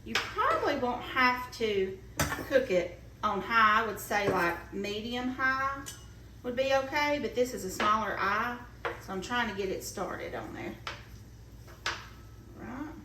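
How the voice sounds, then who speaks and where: A woman's voice: on the high side, lively intonation, unhurried, pauses often. Chatty woman cooking at the stove. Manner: chatty, homey, talks while cooking. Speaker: cooking show host. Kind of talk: casual cooking demonstration. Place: home kitchen. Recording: roomy kitchen, mic at a distance, sizzle noise. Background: frying and sizzling pan.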